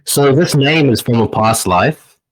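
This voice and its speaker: A man, a meditation teacher answering interview questions in a slow, reflective way with frequent pauses. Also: mid-range voice, expressive, rough recording. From New Zealand. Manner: slow, reflective, pausing often with "uh".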